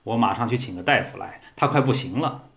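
A man voicing an anxious, soft-hearted young man in a storybook reading, speaking in a soft, pleading way. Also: mid-range voice, fairly quick, lightly acted. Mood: worried.

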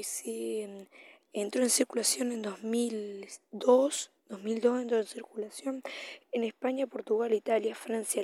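Latin american woman doing a casual podcast, kinda high soft-edged voice, thinks out loud and corrects herself. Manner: improvised, hesitant, self-correcting delivery. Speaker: podcast host. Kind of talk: informal solo podcast commentary.

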